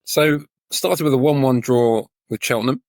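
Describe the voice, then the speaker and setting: A man co-hosting a podcast in relaxed banter. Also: mid-range voice, normal speed, dry recording, clean studio sound. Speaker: podcast co-host.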